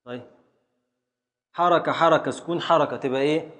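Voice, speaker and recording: Egyptian man quizzing a class, higher voice. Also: brisk, a bit bright, long reverb tail. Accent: Egyptian Arabic. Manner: quizzing students step by step with repeated questions. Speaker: teacher. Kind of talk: classroom lesson.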